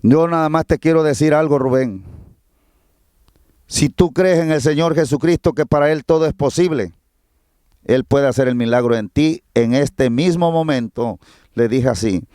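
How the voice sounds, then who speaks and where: A man's voice: on the high side, normal speed, mellow, no echo, studio quality. A middle-aged man from Mexico with a Mexican Spanish accent, preaching a fervent, repetitive testimony on a livestream.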